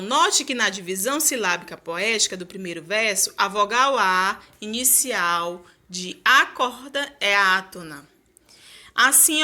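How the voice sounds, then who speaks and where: Bright-voiced woman teacher explaining. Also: on the high side. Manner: didactic, rhetorical questions to students. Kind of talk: explanatory lesson.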